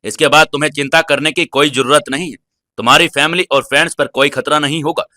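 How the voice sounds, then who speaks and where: A commanding male martial arts alliance president, as a narrator voices him in an audio story, speaking firmly and reassuringly. The voice is bright and clear, recorded dry and close. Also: on the high side, steady tone, fast talker, dry recording. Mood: assured.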